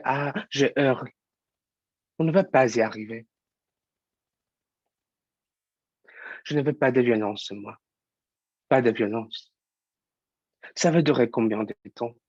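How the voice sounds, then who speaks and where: A man's voice: mid-range voice, measured pace, pauses often, darkish tone, no room sound, lo-fi sound, close to an everyday voice. A young man acting a frustrated young actor in a stage monologue, firing off urgent, agitated questions. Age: young adult. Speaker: student actor.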